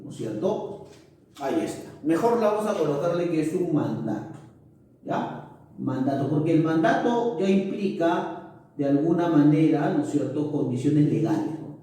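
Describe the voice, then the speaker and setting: High-voiced man teaching in an echoey room. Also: mellow. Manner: explanatory, repeats "¿no es cierto?" and "ahí está". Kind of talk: recorded class lesson. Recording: very echoey room, far from mic.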